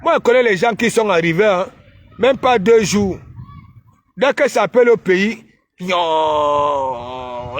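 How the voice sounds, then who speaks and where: A man with a Cameroonian accent rants to his live-stream viewers in a high, unhurried voice. He mocks and teases, and now and then breaks into loud shouts. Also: background noise. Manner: mocking, teasing, bursts of shouting. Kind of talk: casual ranting live stream.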